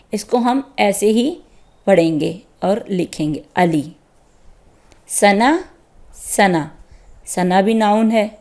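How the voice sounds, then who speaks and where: A woman's voice: mid-range voice, dark tone. A woman teaching beginners English grammar, explaining step by step and checking in with her listeners. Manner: patient, repeats "theek hai" to check understanding. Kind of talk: slow step-by-step grammar lesson.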